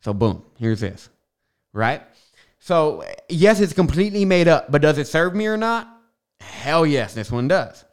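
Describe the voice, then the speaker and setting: Fairly high-pitched and very animated yet measured in pace, this young podcast host speaks with a lisp. His casual monologue wanders, full of fillers and tangents, and he's recorded on a studio microphone.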